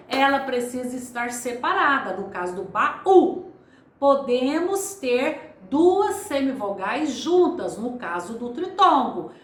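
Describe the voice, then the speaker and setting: A middle-aged woman teaching Portuguese grammar in a video lesson, explaining step by step and spelling out syllables slowly. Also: fairly high pitch, fairly bright tone, roomy sound.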